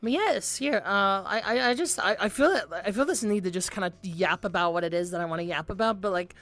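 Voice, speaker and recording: A young woman livestreams in a cute anime-streamer style, with a mid-pitched voice. She rambles casually to her viewers, excitable and giggly. Faint music plays behind her. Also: brisk.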